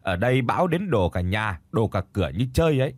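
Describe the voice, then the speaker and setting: A man voicing a bustling old village woman who shouts urgently to a half-deaf neighbor. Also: lowish voice, big pitch swings, dry recording. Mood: urgent, shouting. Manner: shouting slowly into a deaf ear. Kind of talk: storytelling.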